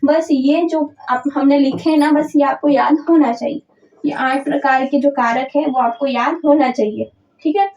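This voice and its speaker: High-voiced woman teaching in an echoey room. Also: fairly even intonation, normal speed, a little mellow, recorded from a distance. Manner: repetitive, checks understanding with frequent "thik hai" and "hai na"; mixes English words into Hindi. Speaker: Hindi grammar teacher. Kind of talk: exam-prep lesson. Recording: echoey room, dull lo-fi sound.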